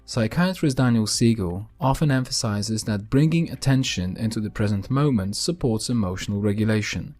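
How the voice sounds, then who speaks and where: Calm, gentle man guiding a grounding exercise. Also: on the low side, soft background music. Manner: calm, gentle, unhurried delivery with deliberate pauses. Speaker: podcast host. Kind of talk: calm guided grounding exercise, scripted narration.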